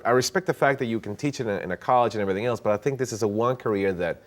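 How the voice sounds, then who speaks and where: A man, a cinematographer guest chatting casually in an interview, animated and often restarting and repeating words. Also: fairly low pitch, rapid-fire.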